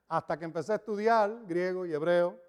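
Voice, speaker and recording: High-voiced guy preaching slow and emphatic, quizzing the congregation, big echoey sanctuary. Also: clean tone. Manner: emphatic, stretches key words and quizzes the congregation. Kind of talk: sermon. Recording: long reverb of a large hall.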